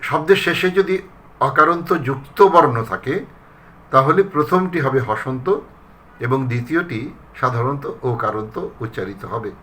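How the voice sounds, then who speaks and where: A man from Bangladesh, a recitation trainer, giving a pronunciation lesson and repeating example words slowly and deliberately. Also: mid-range voice, fairly bright tone.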